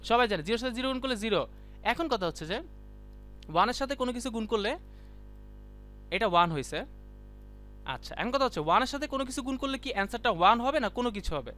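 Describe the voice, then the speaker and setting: High, bright-voiced chatty teacher. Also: male voice, expressive, quick pace, long pauses. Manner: chatty, quizzes students by name; colloquial, keeps saying "done" and "see". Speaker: ICT teacher. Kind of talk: casual live class lecture.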